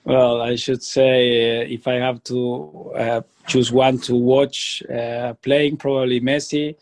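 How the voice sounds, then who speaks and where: A man from Argentina with an Argentine Spanish accent, a chef answering interview questions in a hesitant, halting way with many fillers. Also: medium pitch, level tone. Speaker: chef, guest.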